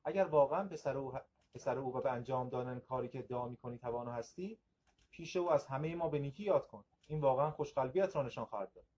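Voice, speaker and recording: A man's voice: medium pitch, darkish tone, husky, lightly acted. A man reading as a skeptical old prisoner. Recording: slightly dull lo-fi recording.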